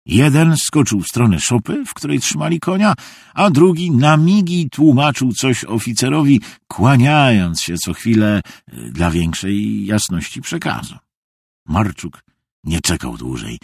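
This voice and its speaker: A man with a low, slightly husky voice reads a story with lively, expressive turns. His delivery is scripted and dramatic, and the sound is dry and close, with no room echo. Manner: expressive storytelling, acts out the scenes. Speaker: narrator. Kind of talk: scripted audiobook narration.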